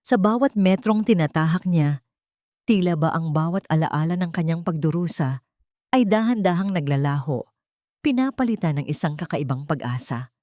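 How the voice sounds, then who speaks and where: Reading a scripted dramatic story in audiobook style, this Filipino-accented woman has a lowish, darkish voice. The sound is clean studio audio without any room sound.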